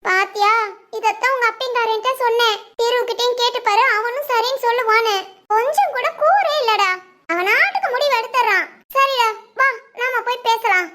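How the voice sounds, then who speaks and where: A woman plays a hot-tempered village aunt in a comedy cartoon, her voice pitched extremely high. She scolds her nephew one moment and mutters dark schemes to herself the next. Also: normal speed. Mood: coaxing.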